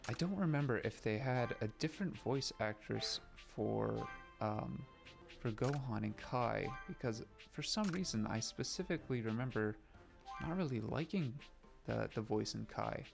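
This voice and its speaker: Speaking at a moderate pace with vocal fry, this animated Canadian man has a mid-range voice and a slight New York-like accent. Over game music, he rambles through let's-play commentary in a chatty, self-aware manner full of filler restarts, recorded on a laptop mic set low.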